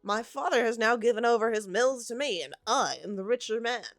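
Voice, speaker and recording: A woman's voice: medium pitch, very animated, normal speed, soft background music, voice pushed up, lightly acted. A woman voicing a smug, sanctimonious young rich man with a nasal voice.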